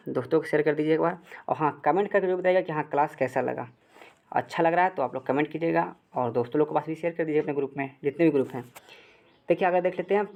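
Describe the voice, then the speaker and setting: A man with a Bihari Hindi accent teaches a grammar lesson at the board. He keeps asking short questions and answering them himself, in a repetitive call-and-answer way. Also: on the high side.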